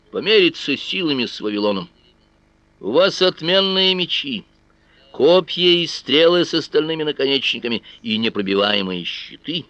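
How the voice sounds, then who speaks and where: A man's voice: on the high side, a bit bright, no echo, pitched above the performer's own voice. A man voicing a commanding conqueror king who rallies his troops in a declamatory tone. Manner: rousing, declamatory. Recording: dull, slightly muffled recording.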